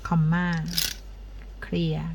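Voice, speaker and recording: A woman's voice: slow, lo-fi sound. A woman teaching an abacus multiplication lesson, counting the digits aloud step by step and asking her pupils for each answer.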